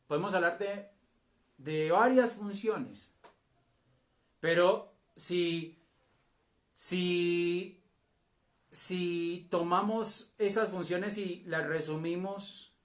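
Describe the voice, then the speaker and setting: A man with a Colombian accent delivers a sermon as a church elder. His voice sits a little high, and he speaks very slowly, with long pauses. He stresses the key phrases one by one. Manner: slow, deliberate preaching with long pauses and emphatic phrases.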